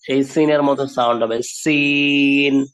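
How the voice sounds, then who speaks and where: A man's voice: mid-range voice, steady tone, measured pace, low-quality recording. A man teaching an online Quran lesson for children, stretching out model pronunciations of Arabic letters.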